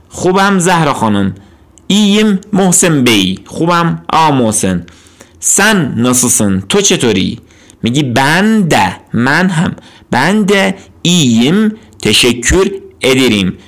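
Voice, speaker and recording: A man teaching a language lesson, saying words slowly and then giving their meaning, with patient repetition. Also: a little high.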